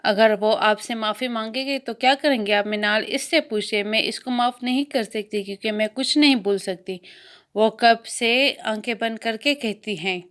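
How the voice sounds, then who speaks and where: A woman's voice: on the high side, fairly bright tone. A woman with a Pakistani Urdu accent reading a romance novel aloud, voicing the dialogue as she goes and sometimes restarting a word. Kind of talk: storybook narration with voiced dialogue.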